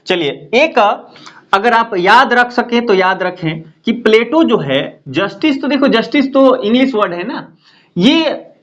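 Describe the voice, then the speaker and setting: A man's voice: very high-pitched, expressive, a little slow, fairly bright tone, muffled recording. A man teaching an exam-prep lecture. He explains step by step, repeats key terms and keeps checking in with "है ना?".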